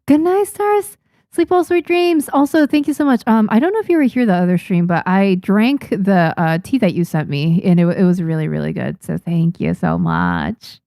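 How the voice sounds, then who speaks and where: Expressive and speaking at normal speed, a manga artist streamer from Japan, a young native Japanese speaker, reads out viewer comments in a casual livestream chat with frequent restarts and small laughs. She has a mid-range, mellow voice, captured in a dry, clean studio recording.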